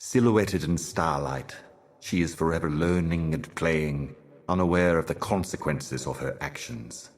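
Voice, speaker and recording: An actor playing a solemn otherworldly herald of cosmic horrors in a video game, speaking in an ominous, grandiose and cryptic theatrical manner. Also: male voice, extremely low pitch, measured pace. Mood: solemn, brooding. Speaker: game character, messenger and guardian.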